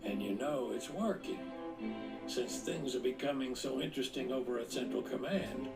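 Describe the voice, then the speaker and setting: An actor playing a shrewd, eccentric old military commander in an anime dub. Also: male voice, medium pitch, normal speed, far from the mic, natural voice. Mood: wry, fired up. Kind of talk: English anime dub acting. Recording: echoey playback under loud music, off-mic.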